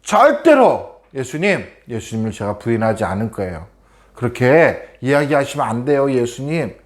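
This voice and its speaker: A man's voice: medium pitch, steady tone, fairly quick, natural voice. A man voicing an impulsive, earnest adult disciple who insists and protests in a children's sermon. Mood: earnest vow.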